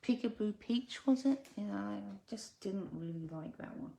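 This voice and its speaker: A woman's voice: medium pitch, expressive, a little slow, vocal fry, dark tone. A woman chatting her way through a card-making tutorial, self-deprecating and muttering to herself as she works. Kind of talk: casual crafting tutorial.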